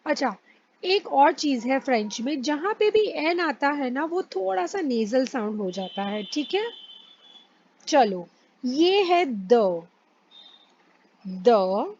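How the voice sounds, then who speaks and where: A woman's voice: sits high, sing-song, moderate pace, dull audio. A woman teaching French pronunciation in a casual lesson, patient and spelling words out letter by letter.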